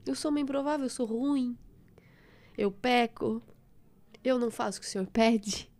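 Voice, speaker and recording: A middle-aged woman, giving a fervent, expressive testimony of faith as a guest. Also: a little high, normal speed.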